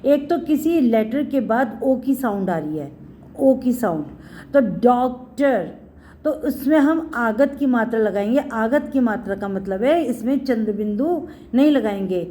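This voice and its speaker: A woman's voice: on the high side, animated, a little slow, mellow, a little hiss or hum. A middle-aged woman teaching a Hindi spelling lesson to children, patient and repetitive, often calling her pupils "beta".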